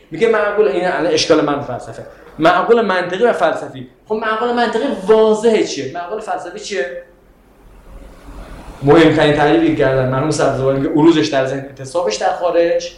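In a classroom philosophy lecture, a high-voiced man speaks in an animated, rhetorical way, constantly putting questions to his students. The room is very echoey, so his voice rings strongly.

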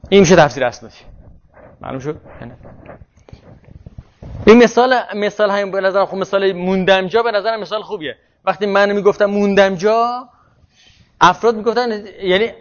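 A man with a fairly high voice explains a point at length in a seminar, answering questions as they come. The recording sounds muffled and lo-fi. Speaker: teacher. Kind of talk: seminar lecture.

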